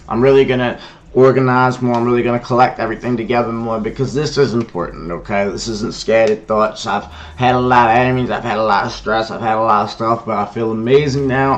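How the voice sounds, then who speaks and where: A man's voice: medium pitch, dull audio. A man hosting a solo livestream, talking in an impassioned, preachy way and often repeating "okay?" to make his point. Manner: shouts at someone off-mic. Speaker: livestream host.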